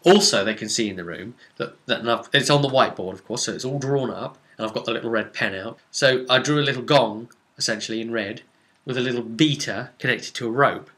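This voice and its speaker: With a medium-pitched voice and a brisk pace, a game master recounts a tabletop role-playing session in a casual, rambling, and animated storytelling manner.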